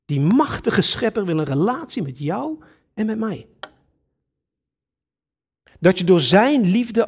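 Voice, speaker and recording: A man's voice: high voice, vocal fry, slightly rough. A man preaching a sermon, earnest and emphatic, addressing his congregation directly. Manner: earnest, lively preaching with sudden emphatic rises.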